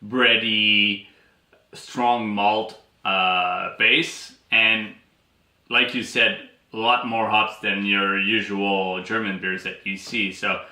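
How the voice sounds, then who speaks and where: A man co-hosting a casual beer chat, explaining in a relaxed, chatty way. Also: on the low side, slow. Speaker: co-host of a beer show. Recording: echoey room.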